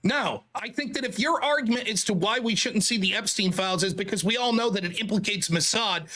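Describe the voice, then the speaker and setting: A man's voice: very high voice, bright, forceful tone. A man hosting a live call-in show, badgering and sarcastic, repeating his questions and swearing freely. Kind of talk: unscripted combative debate.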